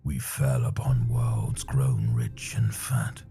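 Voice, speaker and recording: A man voicing a wounded, weary warrior who talks low, growled and half-whispered. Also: steady tone, slow pace, gravelly, mellow, soft background music, exaggerated voice. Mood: grim, recalling. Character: wounded, weary male warrior, grim and bitter.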